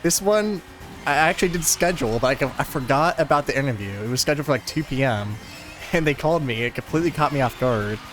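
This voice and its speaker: A man's voice: medium pitch, lively intonation, fast talker, a bit bright, soft background music. Laid-back young man rambling over gameplay. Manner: rambling, laid-back storytelling with many fillers. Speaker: gaming video host. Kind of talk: casual chat over gameplay.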